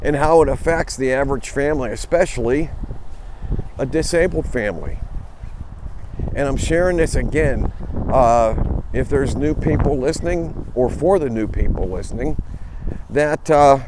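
A man hosting a podcast, talking in a halting, rambling way with many fillers, recorded on his phone. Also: medium pitch. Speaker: podcast host. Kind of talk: casual spoken monologue. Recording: phone recording with wind and traffic noise.

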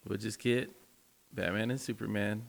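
Casting: low-voiced man, gravelly edge, teasing banter. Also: steady tone, moderate pace. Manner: joking, teasing. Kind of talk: casual chat.

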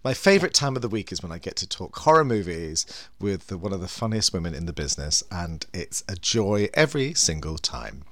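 A man's voice: deep voice, very animated, a little fast, a bit bright, dry recording. A man co-hosting a podcast in a chatty, bantering way, with a theatrical, campy manner. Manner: theatrical, campy, with endearments like darling. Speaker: podcast co-host.

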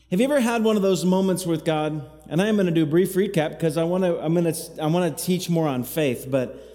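A man's voice: fairly high pitch, warm tone. A man preaching an evening sermon as associate pastor, leading call-and-response with the congregation, his voice echoing as if in a cave. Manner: call-and-response preaching, has the crowd repeat after him. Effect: cave-like echo. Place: church hall, evening service. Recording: echoey church hall, cave-like reverb.

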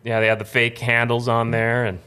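A man's voice: medium pitch, monotone, a little fast, sharp tone, clear, resonant tone. A man co-hosting a casual movie chat in a studio, easygoing and saying yeah a lot. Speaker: podcast co-host.

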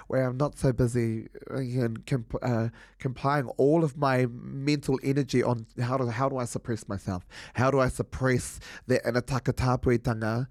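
Podcast guest, New Zealand Māori-accented man: earnest, halting, lots of fillers, dry close mic. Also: medium pitch, a little mellow, no echo. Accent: New Zealand Māori English. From Northland, New Zealand. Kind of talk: reflective interview talk.

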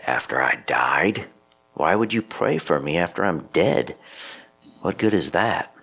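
A man voicing a dying old man, using a low, gruff voice full of regret. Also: animated, unhurried, fairly bright tone, exaggerated voice. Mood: doubtful.

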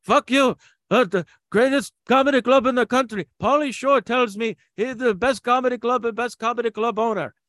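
A man impersonating a gruff older male comedy club owner who speaks broken English with a thick Lebanese accent and shouts insults. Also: very high-pitched, normal speed, dry recording, studio quality, pitched above the performer's own voice. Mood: heckling.

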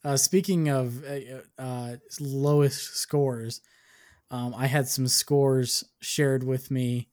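A man co-hosting a film review podcast, giving his opinions in measured, dry remarks. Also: medium pitch, fairly even intonation, darkish tone. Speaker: podcast co-host. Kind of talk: casual film review chat.

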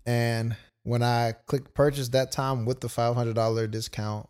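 A man's voice: mid-range voice, level tone, unhurried, a little mellow, clear, resonant tone. A young man casually telling a personal story as a podcast co-host, loose and full of quoted asides. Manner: laid-back, storytelling with many "like"s and quoted asides.

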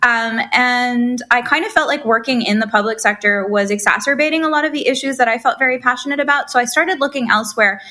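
A woman from Honduras, a co-founder guest telling her background in an energetic, casual interview. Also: a little high, fast, hardly any pauses.

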